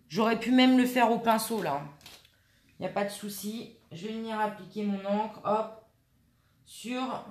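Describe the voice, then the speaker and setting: A woman's voice: fairly high pitch, roomy sound. A woman hosting a scrapbooking tutorial, talking casually and hesitantly with many fillers while she works at her craft table. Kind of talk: casual step-by-step craft demonstration.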